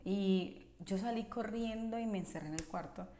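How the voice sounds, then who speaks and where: A woman's voice: medium pitch, moderate pace, dark tone, slight background noise. A woman telling a personal faith testimony in an earnest, emotional way, often restarting her sentences. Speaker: podcast speaker sharing a faith testimony. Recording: roomy echo.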